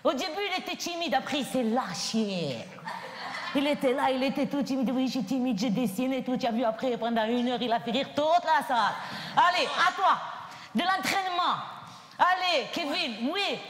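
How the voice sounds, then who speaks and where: A woman playing a bossy mother who teases and pushes her shy son in a live comedy sketch, talking in quick mocking banter. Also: high voice, animated, a bit bright. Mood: teasing. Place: conference hall stage. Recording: roomy hall with ambient noise.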